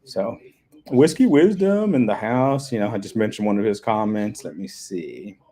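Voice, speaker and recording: Speaking from a hotel room, this livestream host has a lowish, animated, mellow voice and keeps a moderate pace. He chats casually, reading out viewers' comments and responding, rambling and repeating himself along the way.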